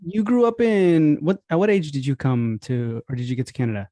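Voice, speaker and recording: Fast-talking man with a mellow voice. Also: a little high, dry recording. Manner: easygoing, laughs along, short replies. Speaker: podcast host. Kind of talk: casual interview chat.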